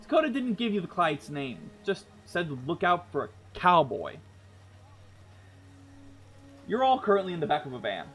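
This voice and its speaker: A man running a tabletop game reads scene-setting narration in a measured, dramatic way over a mic that keeps cutting out and sounding robotic. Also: high voice, huge pitch swings, fairly bright tone, faint music behind. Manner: dramatic, measured read-aloud delivery. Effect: choppy, robotic mic audio that keeps cutting out. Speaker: game master. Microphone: desk mic on an online voice call.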